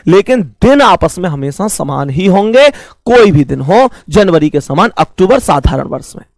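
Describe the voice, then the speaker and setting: A man teaching a math lesson, explaining slowly, repeating points and calling his students fondly. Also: high-pitched, no room sound.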